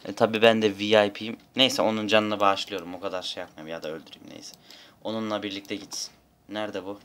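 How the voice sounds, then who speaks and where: A man's voice: lowish voice, little pitch movement, fairly quick, a little hiss or hum. A young man giving rambling, casual gameplay commentary and swearing now and then, at a desk mic. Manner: rambling, swears, shouts in bursts. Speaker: gamer.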